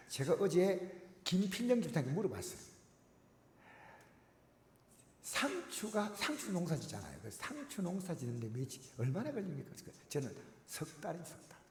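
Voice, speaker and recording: A man preaching a sermon to his congregation, emphatic and direct, swinging between loud exclamations and near-whispers. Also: a little high, slight background noise. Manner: addresses the congregation directly with repeated questions. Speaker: pastor. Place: church sanctuary. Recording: echoey church hall with long reverb.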